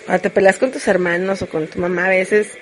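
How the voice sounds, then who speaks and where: A woman's voice: medium pitch, steady tone, quick pace, a little hiss or hum. A woman with a Mexican accent chatting casually and frankly to live viewers, joking as she rambles through her confessions. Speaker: streamer.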